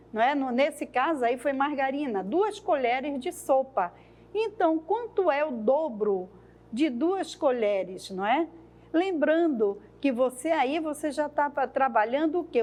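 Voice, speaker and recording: A woman's voice: sits high, a little mellow. A woman training teachers, explaining lesson activities at a thoughtful pace and often adding tag questions.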